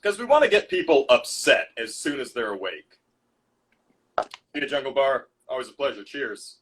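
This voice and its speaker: A man's voice: medium pitch, sing-song, moderate pace, a bit bright, slight background noise. A man co-hosting a podcast in casual chat, dry and joking as he reads out messages from the chat. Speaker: podcast co-host.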